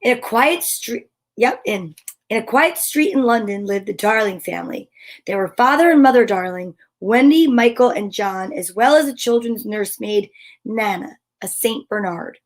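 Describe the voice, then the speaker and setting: A woman hosts a children's story time, reading picture books aloud with gushing exclamations, gasps and chatty asides to viewers that interrupt herself. Her pitch is fairly high and she speaks at normal speed.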